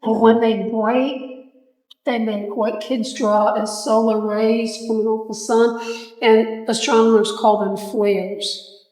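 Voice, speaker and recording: A woman museum guide explaining to visitors, soft-spoken and unhurried, her voice a bit worn. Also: fairly high pitch, little pitch movement, echoey room, long reverb tail, low-quality recording. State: losing her voice. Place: museum observatory room.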